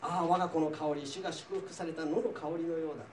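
A man's voice: fairly high pitch, fairly even intonation, fast talker, a little mellow, far from the mic, close to an everyday voice. A man reading the lines of an old blind father who is doubtful and later shaken. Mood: solemn. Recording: roomy, voice from off-mic, faint noise.

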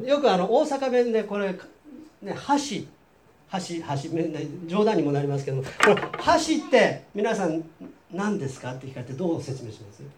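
A man with a Japanese accent delivers a chatty sermon, restating every point in a second language. His voice sits high and swings widely in pitch. He keeps checking in with his listeners, with a faint background hiss. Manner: lively, chatty, asks the audience questions. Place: church hall in Seattle.

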